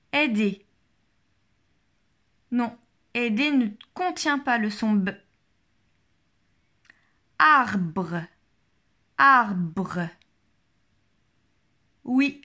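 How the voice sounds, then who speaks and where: A woman plays a phonics listening game with a child, saying every word twice and sounding out each part slowly and carefully. Her voice is on the high side.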